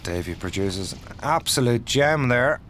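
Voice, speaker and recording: A man's voice: medium pitch, animated, measured pace, fairly bright tone. A man giving commentary at a golf tournament. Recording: clear outdoor ambient noise.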